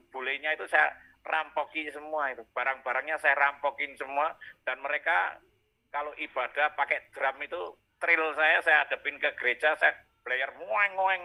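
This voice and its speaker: A man's voice: fairly high pitch, pushed and bright, rough recording. A man from Malang, giving a personal testimony as a preacher and telling his story with animation, acting out voices and sounds. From Indonesia, Malang. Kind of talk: personal testimony on a video call.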